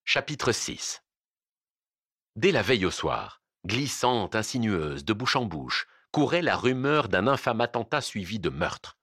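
A man reading a novel aloud with expressive, dramatic narration. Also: fairly low pitch, a little slow, husky, no room sound, studio quality. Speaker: audiobook reader.

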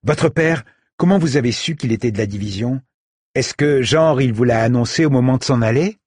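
A man voicing a curious, chatty boy who asks excited questions. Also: mid-range voice, moderate pace, slightly rough, no room sound, clean studio sound, voice pushed up, natural voice. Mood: eager.

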